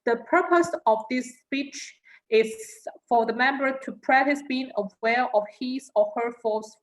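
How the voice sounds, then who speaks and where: A woman introducing a speaker at an online meeting, reading hesitantly with filler pauses. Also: high-pitched, rough recording. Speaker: speech evaluator. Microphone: video call.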